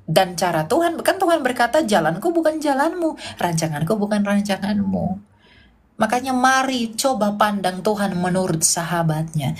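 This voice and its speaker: A woman preacher teaching casually and emphatically, asking rhetorical questions and sometimes dropping to a whisper. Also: mid-range voice. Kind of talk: informal Q&A sermon.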